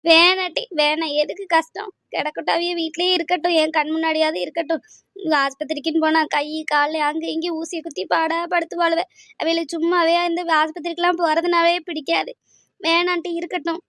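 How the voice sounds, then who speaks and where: A woman's voice: extremely high pitch, little pitch movement, a little fast, fairly bright tone, no echo, clean studio sound. A woman voicing a despairing old wife. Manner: plaintive and weary. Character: elderly grieving wife, fearful and weary.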